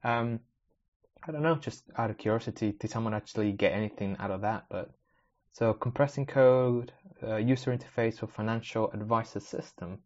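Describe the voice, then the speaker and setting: A man with a fairly low, slightly mellow voice talks at a moderate pace, hosting a casual solo podcast. Spanish is his first language; he came from a Spanish-speaking country and moved to the UK at ten. He thinks aloud in a rambling, wry way, often breaking off mid-sentence, on a slightly dull, lo-fi recording.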